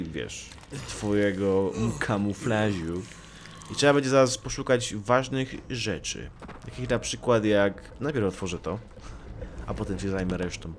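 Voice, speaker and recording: Playful man with a lively voice. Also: lowish voice, background noise. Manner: joking, talks to the enemies he fights. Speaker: gaming YouTuber. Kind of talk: Let's Play commentary.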